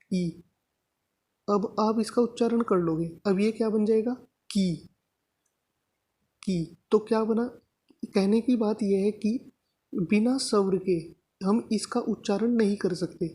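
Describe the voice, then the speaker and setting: Mellow, husky woman teaching a lesson. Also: mid-range voice. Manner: explains step by step, asks and answers her own questions; repeats points with frequent "thik hai" checks. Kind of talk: Hindi grammar lesson for exam students.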